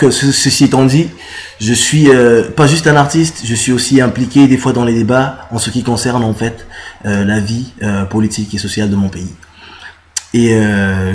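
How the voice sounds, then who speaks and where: Man explaining, halting fillers. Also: mid-range voice, a little hiss or hum. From Republic of the Congo. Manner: halting, many "euh" fillers and restarts. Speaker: musician and citizen activist. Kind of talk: casual direct-to-camera explanation.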